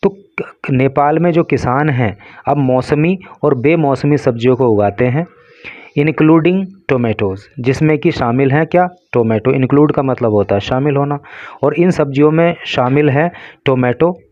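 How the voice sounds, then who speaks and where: A man teaches English by reading a newspaper aloud. He reads each English phrase slowly and then explains the meaning of the words in Hindi. His voice sits at a middle pitch, recorded close and dry with a slightly dull, muffled tone. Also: dry recording.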